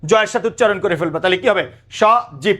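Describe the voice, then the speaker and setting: A man's voice: high-pitched, rapid-fire, fairly bright tone. A man, teaching a lecture and quizzing students with repeated questions. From Bangladesh.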